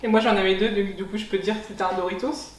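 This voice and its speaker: A woman's voice: mid-range voice, steady tone, quick pace. A woman from France, chatting casually as a blind taster. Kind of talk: casual chat. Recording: roomy echo, distant mic.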